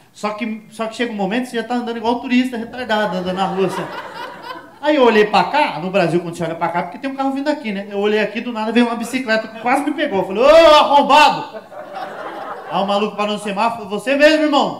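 A Brazilian man with a Brazilian accent doing a stand-up comedy set, animated and full of crude slang, shouting his punchlines. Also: sits high, quick pace, roomy sound, slight background noise. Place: comedy show stage before an audience.

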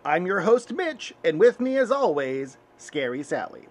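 A dry, matter-of-fact puppet news anchor, voiced by a man. His voice is high and animated, rising and falling through deadpan lines. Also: measured pace, heavily acted. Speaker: host. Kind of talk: comedic spoof news.

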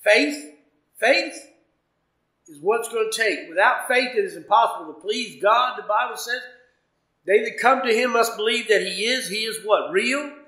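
Man, preacher, fervent emphatic sermon, bright ringing tone, roomy echo. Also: high-pitched, normal speed.

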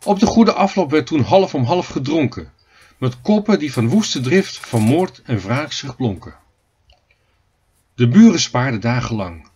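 A man reading aloud a rhymed storybook in a lively sing-song delivery. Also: mid-range voice, slightly rough. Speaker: audiobook reader.

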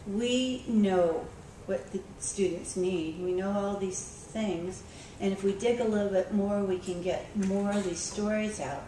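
A woman's voice: mid-range voice, unhurried, hardly any pauses, mellow. A woman librarian giving a conversational conference talk, telling a story with frequent ums and restarts. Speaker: school librarian speaking at a conference. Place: conference room. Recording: echoey hall, recorded from far off with background noise.

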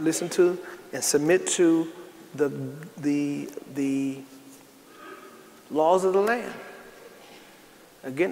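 Speaking with vocal fry in a somewhat high voice, a pastor delivers a folksy sermon, calling to the congregation and building into emphatic bursts. The large church sanctuary gives an echoey sound with faint noise.

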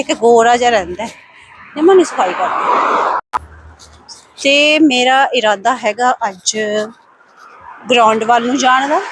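A woman's voice: sits high, low-quality recording. A woman chatting casually to viewers in an exclamatory running commentary as she walks outside. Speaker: vlogger. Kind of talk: casual walking vlog chat to viewers. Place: outdoors, walking along streets. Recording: outdoor ambient noise.

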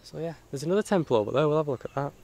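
A man's voice: fairly high pitch, animated, rapid-fire, vocal fry, a little mellow. A man chatting casually to camera as a travel vlogger, colloquial and matey, with mild swearing. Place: outdoors on rural roads and temple grounds. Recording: outdoor ambient and motorbike noise.

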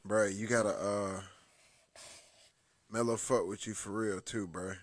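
A man's voice: lowish voice, steady tone, unhurried, no echo. A man on a casual podcast, speaking in a laid-back drawl and urging the guest to tell his story. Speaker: podcast host, event promoter. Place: small studio with red couches. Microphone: desk mic on boom arm.

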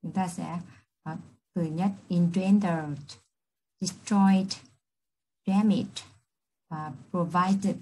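A woman English teacher with a Vietnamese accent, reading test questions slowly and then explaining each answer quickly. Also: lowish voice, steady tone, mellow, breathy edge, rough recording. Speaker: high school English teacher. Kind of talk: exam review lesson.

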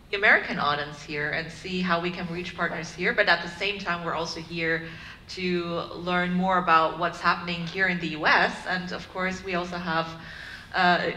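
A woman's voice: on the low side, pushed and bright. A woman in her thirties moderating a panel discussion, upbeat, filling her questions with "um" and "kind of". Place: conference room with audience. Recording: echoey room, faint room noise.

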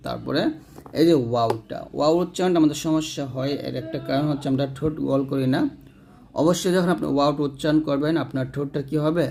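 A man's voice: on the high side, quick pace, creaky, a little mellow, a little hiss or hum. A man teaching Quran letter pronunciation step by step, sounding out each letter and answering his own questions.

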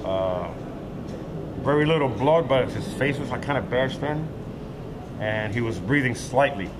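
Speaking at a medium pitch, this older eyewitness sounds animated yet unhurried as he haltingly describes what he saw, padding his plain account with fillers. The outdoor interview takes place on a covered sidewalk next to a street, and street noise carries in the background.

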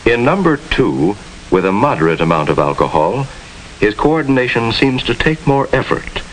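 In the style of a 1950s educational film, an American man gives formal, instructive narration with precise diction. His voice is medium-pitched with big pitch swings at a moderate pace, and the audio is poor, a hissy 1950s film soundtrack.

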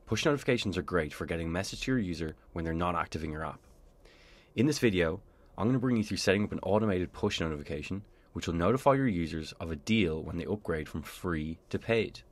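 Speaking quickly and expressively, a low-voiced man narrates a scripted software tutorial like a screencast presenter. He walks through each step clearly and in order.

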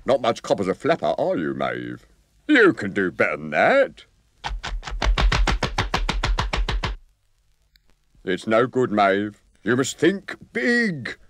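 A man's voice: mid-range voice, wildly swooping pitch, slow, noisy background. A man voicing a cheeky, know-it-all male caterpillar with a bluff, pompous, teasing way of talking. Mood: bossy.

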